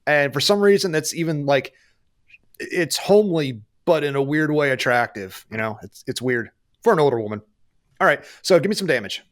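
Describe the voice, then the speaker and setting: A male game master improvises tabletop narration. His voice is a bit higher than average and rises and falls a lot. He sounds conversational and animated. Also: normal speed.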